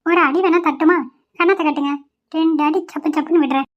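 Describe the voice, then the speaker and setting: A mild young wife in a cartoon, voiced by a woman, gentle and pleading as she tries to smooth things over. Her voice is high and she talks fast. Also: steady tone, muffled recording.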